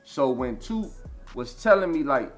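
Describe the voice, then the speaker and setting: A man in his thirties talks through his story in a loose, rambling way, peppered with swearing and filler phrases. His voice sits at an ordinary middle pitch, with faint music playing behind him. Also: very animated, a little slow. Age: 30s. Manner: rambling, repeats "you know what I'm saying", profane. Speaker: interview guest. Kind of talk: casual storytelling.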